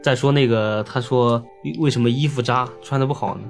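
Fast-talking man telling ghost stories. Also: medium pitch, faint music behind. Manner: chatty, filler-heavy, lively. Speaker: storyteller. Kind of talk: casual ghost-story telling.

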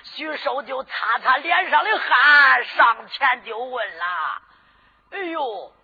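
Slow bright-voiced woman storyteller. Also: high-pitched, expressive. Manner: dramatic, rising to shouts. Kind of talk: traditional sung-spoken storytelling. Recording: dull lo-fi recording.

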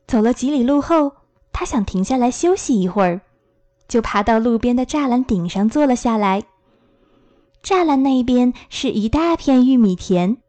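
A woman reads a children's story aloud with a gentle, clear storytelling manner. Her voice sits a bit high for a woman, and the recording is dry and close with no room around it. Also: no room sound.

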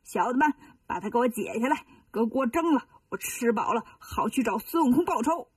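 A woman voicing a bossy, vengeful male demon king in a children's storybook, speaking gruffly. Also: on the high side, animated, a little fast, no echo, far from the mic. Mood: angry.

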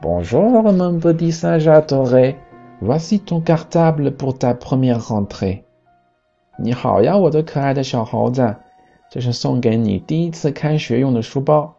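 Guy doing a doting old gorilla granny from a storybook, soft and mellow. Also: medium pitch, lively intonation, unhurried, vocal fry, dull audio, soft background music. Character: loving old gorilla grandmother.

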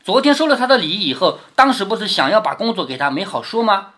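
A man's voice: sits high, sing-song, fast, sharp tone. A man reading a classic novel aloud to his daughter and explaining it patiently, often asking rhetorical questions.

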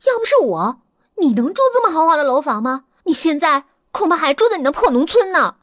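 A woman voicing an excitable, pouty young wife in a ghost story. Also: high voice, normal speed, no room sound, studio quality, voice pushed up. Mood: angry. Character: young wife, playful, then quick-tempered and suspicious.

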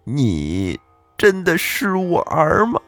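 A man voicing an old mother who speaks softly and asks anxious questions. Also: fairly high pitch, huge pitch swings, slow, soft background music, voice pushed up, full character voice. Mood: alarmed. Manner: soft, questioning. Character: old mother, worried, soft-spoken.

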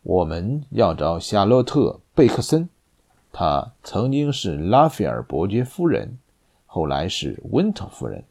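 A man voicing a cold, composed musketeer leader who speaks calmly and coolly. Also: low voice, a little slow, vocal fry, slightly rough, voice pushed down, full character voice. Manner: cold, calm and controlled.

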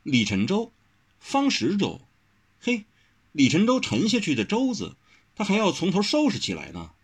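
A curious young woman, voiced by a male reader asks probing questions in a raised voice. Her tone is husky, and her pitch rises and falls widely. It is a storybook reading of a martial-arts tale. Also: wildly swooping pitch, normal speed, heavily acted. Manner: inquisitive.

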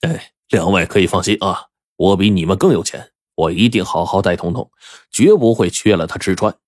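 Man doing a husky boss type, wide swings, dry close recording. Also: deep voice, moderate pace, a little mellow, dry recording. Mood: genial. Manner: smooth then roaring. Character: gruff rich gang boss, hot-tempered but kind.

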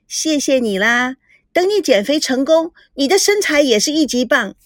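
Vain teen girl in a storybook, preening and teasing in a high, bouncy voice. Acted by a woman narrator. The recording is close and dry. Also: lively intonation, normal speed, dry recording. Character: vain slim teenage girl who wants to model.

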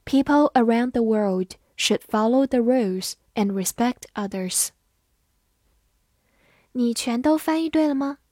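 A woman's voice: on the high side, no echo, studio quality. A woman teaching English vocabulary and translation, reading words, meanings and sentences in a careful, scripted way. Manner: slow, even, careful dictation of words and meanings. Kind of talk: scripted lesson narration.

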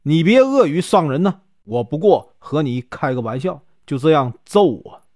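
A man's voice: fairly high pitch, very animated, darkish tone, no room sound, clean studio sound. A man with a Northeastern Mandarin accent voicing a brash, jeering young woodcutter in a told folk story. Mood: indignant. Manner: jeering, quick to laugh and complain.

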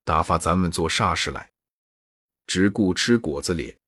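A man voicing a poor, humble old countrywoman who speaks in a halting, self-effacing way in a storybook reading. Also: low voice, a bit bright, husky, no echo. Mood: humble, pleading.

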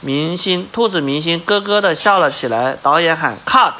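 A man reads a children's picture book aloud in a slightly high, bright, forceful voice. He breaks off now and then to put simple questions to his young listener. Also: normal speed, slight background noise. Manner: stops to ask the listener questions. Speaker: storyteller reading to a child.

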